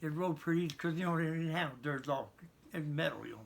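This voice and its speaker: Older American man, veteran reminiscing, slightly high voice, folksy, rambling, stammered repeats. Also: quick pace, gravelly. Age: 70s. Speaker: interviewed Navy veteran. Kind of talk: conversational reminiscence.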